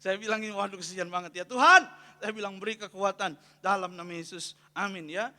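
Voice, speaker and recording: A man's voice: high-pitched, brisk, bright, forceful tone. A man preaching a sermon as pastor, calling out questions to the congregation and having them fill in the answers. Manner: call-and-response preaching, often asking the congregation to finish his sentences. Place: church hall. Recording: long reverb of a church hall.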